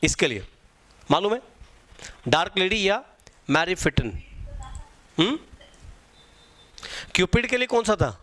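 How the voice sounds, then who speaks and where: A man's voice: high voice, sing-song, unhurried, pauses often, a bit bright. A man teaching an exam-prep lecture. He repeats key points and quizzes his students.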